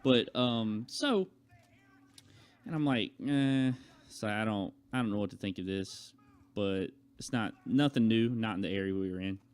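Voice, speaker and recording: This young adult man speaks at a measured pace in a clean, rather low voice. Addressing viewers as a vlogger, he rambles through a story from his own life, chatty in manner and acting out what others said.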